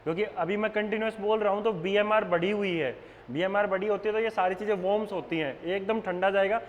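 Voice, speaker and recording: A man's voice: high voice, steady tone, fast talker, muffled recording. A young man with a Haryanvi accent teaching a nursing exam class in a casual, joking manner. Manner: joking, chatty, addresses students as beta. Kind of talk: classroom lecture with casual banter. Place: classroom with online students. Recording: classroom with long reverb and faint background noise.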